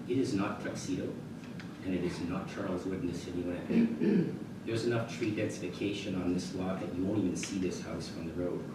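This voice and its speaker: A male councillor making a blunt, matter-of-fact comment, heard on a distant, echoey council chamber recording. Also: sits low. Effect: echoey council chamber recording from a distant room mic. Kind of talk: brief comment at a council meeting. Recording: roomy chamber, far mic, loud background hiss.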